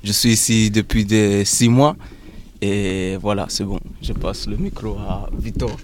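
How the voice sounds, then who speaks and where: A teenage boy, a student guest, introducing himself in a relaxed and brief way. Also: lowish voice, unhurried, background noise. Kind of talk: casual self-introduction.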